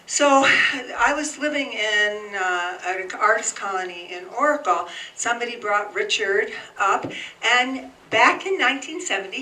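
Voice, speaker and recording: A woman's voice: medium pitch, sharp tone. An older woman, an author, telling wry personal stories at a memorial gathering. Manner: storytelling, wry. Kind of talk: personal remembrance. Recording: echoey room, far from mic, faint noise.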